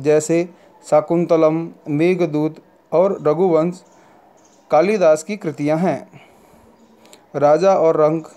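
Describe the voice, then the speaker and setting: Male teacher explaining grammar to students, talks real slow, a bit high-pitched, keeps repeating himself. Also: warm tone. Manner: deliberate, repeats and corrects phrases. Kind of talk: slow Hindi grammar lesson.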